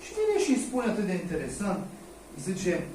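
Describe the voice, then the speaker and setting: A man's voice: sits high, huge pitch swings. A man preaching a sermon, reading scripture aloud and asking the congregation questions. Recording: echoey hall, voice from far off, faint noise.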